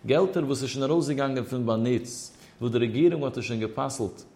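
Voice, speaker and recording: A man gives a traditional study lecture on religious law in a lilting chant, his pitch climbing and dropping. He poses questions and answers them himself. His voice sits at an ordinary middle pitch. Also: a little fast, gravelly, warm tone. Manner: sing-song, rising and falling study chant.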